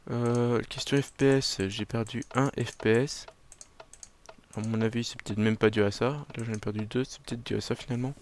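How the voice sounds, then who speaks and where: A man's voice: medium pitch, steady tone, normal speed, a little hiss or hum. Chatty French-speaking gamer man. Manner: chatty, self-mocking, muttering to himself while playing. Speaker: let's play gamer. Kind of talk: casual game commentary.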